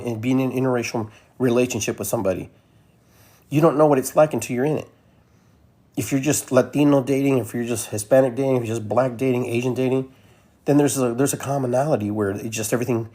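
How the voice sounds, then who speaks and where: Rambling Peruvian-born man, mellow voice. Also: medium pitch, fairly even intonation, quick pace. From Peru. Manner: rambling, conversational, repeats phrases. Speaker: podcast host. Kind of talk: casual monologue.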